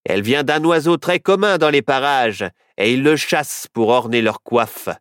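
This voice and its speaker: A man's voice: medium pitch, normal speed, fairly bright tone, clean tone, no room sound, studio quality, natural voice. A man voicing a stubborn, suspicious Wild West sheriff in a storybook reading, with a blunt, certain manner. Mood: gruff.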